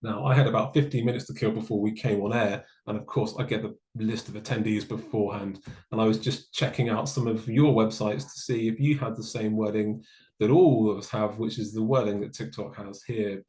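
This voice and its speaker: Man presenting, gravelly, echoey room. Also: lowish voice, darkish tone. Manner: measured, explanatory, dry asides. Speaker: webinar presenter. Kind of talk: online presentation on data law.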